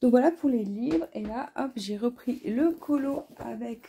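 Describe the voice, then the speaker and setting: A woman's voice: fairly high pitch, lively intonation, measured pace, dark tone, slightly rough. A woman vlogging from home about her craft hobbies, chatty and friendly, with lots of hesitant filler sounds. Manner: friendly, speaks straight to viewers. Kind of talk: casual chatty show-and-tell vlog.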